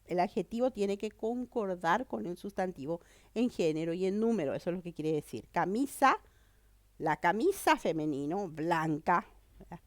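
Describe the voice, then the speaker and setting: This woman's voice sits on the low side, with lively intonation at a normal speed and no echo. She has a cold while explaining grammar and regularly checks her students' grasp with "¿verdad?" and "¿mm?".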